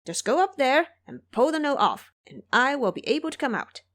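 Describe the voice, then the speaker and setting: A woman voicing an excitable, pleading male monkey demigod with a boastful, eager manner in an audio drama. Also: sits high, normal speed, voice pushed up. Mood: urgent, insistent. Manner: frantic, eager, yelling.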